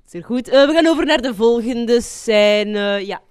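A high, sing-song hostess coos at children, as a woman plays her. She is heard off an old worn cassette, with faint hiss and clicks, and can turn sharp and coarse. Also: a little slow. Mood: sugary. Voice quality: sweet, coaxing tone toward children. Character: sugary middle-aged woman children's-radio hostess who snaps and curses. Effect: played back from an old worn cassette tape. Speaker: children's show presenter in a rehearsal.

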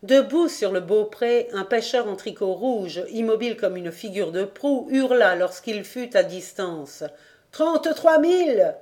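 A woman narrating an audiobook in a measured, descriptive reading. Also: mid-range voice, darkish tone. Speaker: audiobook reader.

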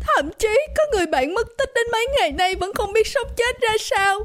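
A woman's voice: very high-pitched, lively intonation, fairly quick, pitched above the performer's own voice. A woman voicing a young hostess who gives a tearful, pleading speech, crying as she talks.

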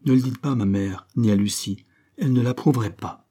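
A man's voice: mid-range voice, a little fast, mellow, breathy edge, lightly acted. A man doing a mischievous young doctor. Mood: hushed. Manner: mock-formal, playful. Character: young male doctor, mischievous yet gentle.

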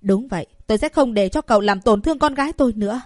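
A woman voicing an angry, protective royal father who shouts at a doctor treating his daughter. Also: mid-range voice, expressive, fairly quick, dry recording, studio quality, natural voice. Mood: furious. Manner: shouting, indignant and urgent.

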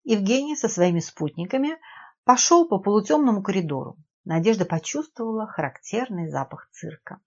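A woman narrating a detective novel audiobook in a steady, even storytelling way. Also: medium pitch, brisk. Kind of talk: scripted narration. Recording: dull lo-fi audiobook recording.

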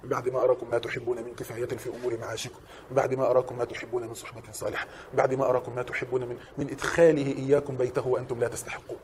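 A man preaching a sermon in an Egyptian Arabic accent, swinging from hushed, reflective passages to impassioned shouting. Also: medium pitch, level tone, rapid-fire, slight background noise.

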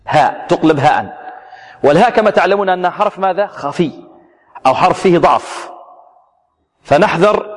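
A man teaching Quran recitation rules, slowly drawing out example words and then briskly correcting mistakes, asking his students questions and answering them himself. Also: fairly high pitch, big-room sound. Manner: slow, drawn-out demonstrations of each word, then quick corrections. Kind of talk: tajweed lesson with recited examples.

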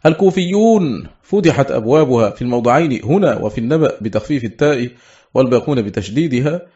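A man reading a scholarly text aloud in a steady, measured, formal recitation. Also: medium pitch, highs cut off. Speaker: audiobook reader.

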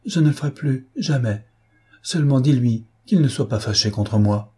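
A man's voice: mid-range voice, animated, moderate pace, mellow, slightly rough, voice pushed up. A man voicing an impulsive young woman who pleads like a scolded child in a storybook reading. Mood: contrite.

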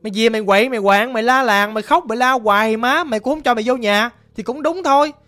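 A woman's voice: fairly high pitch, fast, fairly bright tone, pitched above the performer's own voice, lightly acted. A woman with a Southern Vietnamese accent voicing a stern middle-aged male exorcist, asking blunt, scolding questions.

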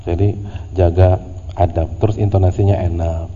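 Dark-voiced male religious teacher, roomy hall. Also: sits low, moderate pace. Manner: relaxed, humorous, conversational with slang asides. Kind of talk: casual religious study lecture. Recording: lo-fi audio in a reverberant hall with faint noise.

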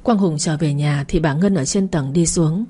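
A woman narrating a family drama story in a steady, dramatic manner. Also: deep voice, moderate pace, husky.

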